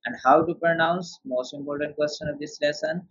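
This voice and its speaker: A man with a somewhat high voice leads a beginner's tajweed lesson. He explains rules one by one and keeps quizzing his student. The sound is muffled and lo-fi. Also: fairly even intonation, brisk. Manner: patient, quizzes the student with questions. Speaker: Quran tajweed teacher. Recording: dull lo-fi sound.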